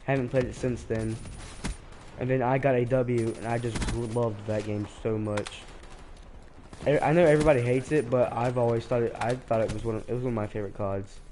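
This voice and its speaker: This teen boy streams a shooter while sick, his stuffy voice wandering through casual remarks full of hesitations and restarts. The male voice is medium in pitch, warm and steady, moving a little fast. A light hiss or hum is audible.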